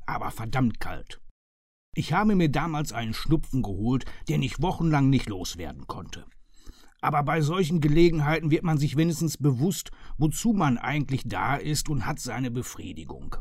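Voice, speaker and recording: A man's voice: mid-range voice, a little mellow, no echo, voice pushed up. A man voicing a stout, sly and jovial chief inspector who talks in a dry, offhand way. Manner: dry, wry, offhand murmuring.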